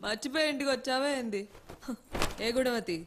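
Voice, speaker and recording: An actress dubbing a sharp-tongued but loving young wife who teases and scolds her husband, over film music. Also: sits high, fairly quick, noisy background, natural voice. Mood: teasing. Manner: teasing and scolding. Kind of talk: dubbed film dialogue.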